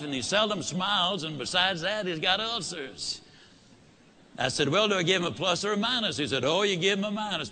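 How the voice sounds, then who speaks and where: This motivational speaker has a sharp, high-pitched voice. He recounts a story and plays both people in the dialogue.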